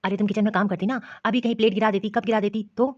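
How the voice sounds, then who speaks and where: A woman's voice: medium pitch, fairly even intonation, rapid-fire, no echo, natural voice. Woman doing a bossy young husband in a cartoon, dry muffled audio. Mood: scolding. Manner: bossy, dismissive. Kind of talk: animated cartoon dubbing.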